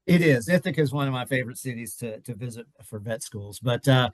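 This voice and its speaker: A man's voice: medium pitch, lively intonation, fairly quick, dry recording. A man hosting a podcast interview, friendly and encouraging with hesitant fillers. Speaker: podcast host.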